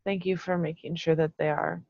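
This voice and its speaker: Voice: mid-range voice, level tone, brisk, vocal fry, darkish tone, dry recording. A player role-playing a character in a tabletop game, polite and questioning. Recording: dull, dry recording.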